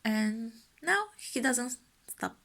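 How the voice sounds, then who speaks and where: A young woman, not a native English speaker, slowly telling her own story in a halting way with soft breathy asides. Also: a little high, expressive. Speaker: new mother telling her birth story. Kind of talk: casual personal storytelling.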